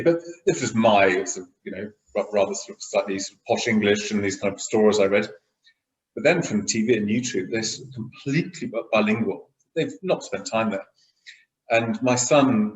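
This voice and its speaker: Middle-aged male host, relaxed chatty delivery, slightly low, roomy. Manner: chatty, many "you know" fillers. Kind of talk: casual conversational chat. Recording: roomy echo.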